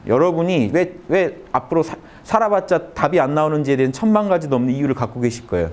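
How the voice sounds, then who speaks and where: A man giving a lecture to young adults in a conference room, talking listeners through a calming exercise with short repeated phrases and emphatic stresses. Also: fast talker. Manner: lively, emphatic delivery with sudden rises in pitch. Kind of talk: motivational humanities lecture.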